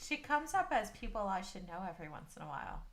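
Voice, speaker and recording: A woman's voice: medium pitch, sing-song, fast talker, creaky. A woman co-hosting a podcast, reading listener comments aloud in casual chat and giggling. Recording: roomy mic with faint noise.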